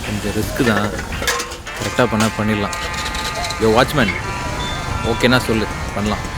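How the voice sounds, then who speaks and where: A man's voice: lowish voice, steady tone, normal speed, over loud music. A man narrating and acting as a brash young lead in a live stage drama, using casual slang.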